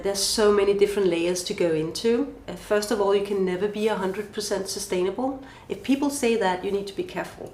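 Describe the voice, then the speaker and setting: A Danish-accented woman from Denmark answers podcast interview questions thoughtfully, listing questions and sometimes restarting. Her medium-pitched voice is a little mellow, and the roomy space gives echo with slight background noise.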